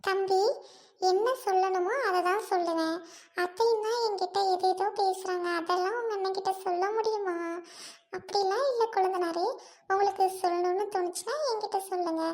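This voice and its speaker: A woman voicing a kind young sister-in-law who talks softly and politely, reassuring her brother-in-law in an amateur audio drama. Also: very high voice, normal speed.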